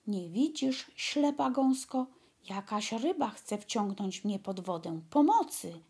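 A woman voicing a rude, greedy old male dwarf who scolds and shouts at two girls in a fairy tale. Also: medium pitch, lively intonation, takes it slowly, slightly rough, exaggerated voice. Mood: snappish. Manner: snappish, insulting, shouting.

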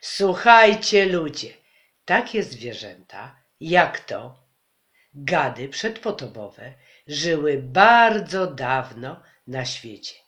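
A man's voice: a little high, sing-song, slow pace, sharp tone, exaggerated voice. A man doing an earnest nature teacher in a storybook. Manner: earnest, explaining to a crowd. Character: earnest male nature teacher calming a crowd.

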